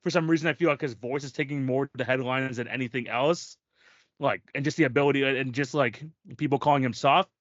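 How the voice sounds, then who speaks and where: A man's voice: medium pitch, fairly quick, fairly bright tone, no room sound, highs cut off. A man co-hosting a sports podcast, talking in casual chat with emphatic, restarting sentences. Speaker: podcast co-host.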